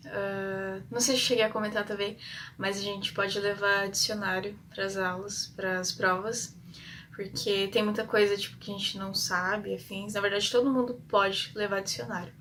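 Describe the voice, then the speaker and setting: A young Brazilian woman tells a casual vlog story in a flat, even tone, full of fillers and stray English words. She sounds a bit distant from the mic, with a faint hum of ambient noise behind her. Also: medium pitch. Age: young adult. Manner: chatty, rambling with many fillers and English terms; shy by her own account. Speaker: exchange student vlogger.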